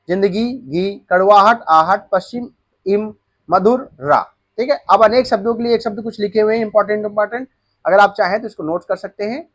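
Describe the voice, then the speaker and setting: A man's voice: high-pitched, a bit bright. A young man who teaches an exam-prep lesson, often repeating answers and asking students whether they follow. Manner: explains answers by repeating them and checking in with students.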